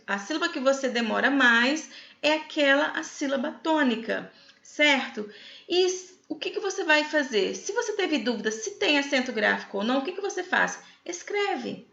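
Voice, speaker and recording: A high-voiced, gravelly middle-aged Brazilian woman gives a chatty lesson, often checking that her listeners follow and stretching words out to show them. She speaks with a Brazilian Portuguese accent. The sound is echoey and a bit dull. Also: pushed and bright. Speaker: writing teacher. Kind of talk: explanatory video lesson.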